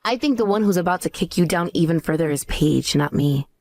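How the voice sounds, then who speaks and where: Actress as low-voiced, scornful vengeful wife. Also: female voice, expressive, a little fast, a little mellow. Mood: taunting. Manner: taunting, cool. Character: scornful, vengeful pregnant ex-wife, coolly triumphant. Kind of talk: dramatized story dialogue and narration.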